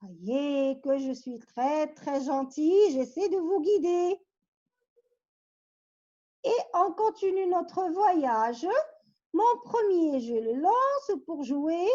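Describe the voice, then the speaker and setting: A woman's voice: high-pitched, animated, takes it slowly, dark tone, muffled recording. A woman teacher reading word riddles to her pupils, patiently coaxing them with questions and hints. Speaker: primary school teacher.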